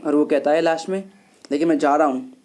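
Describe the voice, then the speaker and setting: A man's voice: a little high, fast talker, a little mellow. A male lecturer explaining a play scene by scene, retelling the plot and quoting each character's lines. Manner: retells a story, quoting each character's lines and glossing them in simple words.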